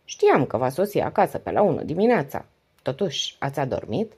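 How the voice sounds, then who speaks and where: A woman's voice: sits low, sing-song, darkish tone, slightly rough, heavily acted. Woman reading as a probing male police commissioner. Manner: short, pointed questions.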